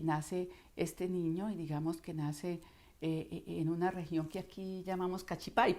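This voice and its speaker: Middle-aged Colombian female voice coach, low-set voice, lively teaching delivery. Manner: expressive, acts out voices in anecdotes. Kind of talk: instructional talk.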